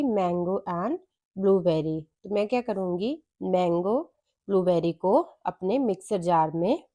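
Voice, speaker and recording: A woman with an Indian accent teaching a children's phonics lesson, sounding out letters one by one in a careful, deliberate way. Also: medium pitch, mellow. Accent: Indian English.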